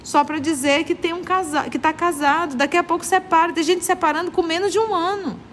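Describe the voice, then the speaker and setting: A woman's voice: very high voice, steady tone, brisk, big-room sound, a little hiss or hum. A woman with a Brazilian accent from Manaus leading a spiritist study group, earnest and moralizing, repeating her points for emphasis. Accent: Brazilian Portuguese, Manaus.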